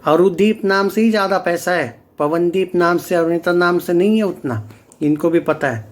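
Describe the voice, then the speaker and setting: A young man with a high-pitched voice delivers a blunt, argumentative vlog rant. He talks straight at his viewers in a casual tone. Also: normal speed. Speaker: YouTube reviewer.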